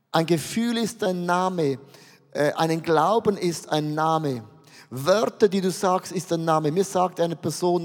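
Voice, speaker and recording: A man preaching a sermon, emphatic and speaking straight to his listeners with questions. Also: high-pitched. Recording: long reverb of a hall.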